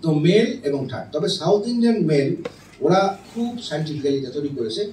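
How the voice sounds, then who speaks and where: A man's voice: a little high, big pitch swings, quick pace, dark tone. A middle-aged man, a professor, giving an explanatory classroom lecture on music theory and checking in with his listeners often. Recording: roomy and distant with faint noise.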